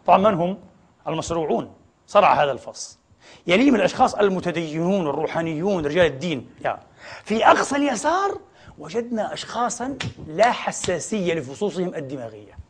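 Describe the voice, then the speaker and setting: A middle-aged male preacher delivers a sermon in a mosque, his voice pitched high and slightly husky. He talks at a rapid clip, tossing rhetorical questions to the congregation and calling them brothers. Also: sing-song. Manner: fills pauses with rhetorical "what?" questions to the congregation; often addresses the audience as brothers. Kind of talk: Friday sermon lecture. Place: mosque prayer hall.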